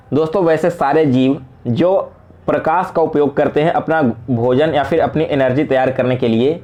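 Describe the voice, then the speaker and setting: A man with an Indian accent teaches exam prep, going through quiz questions with students and answering each with an explanation while mixing in English terms. His voice is fairly high in pitch with a darkish tone.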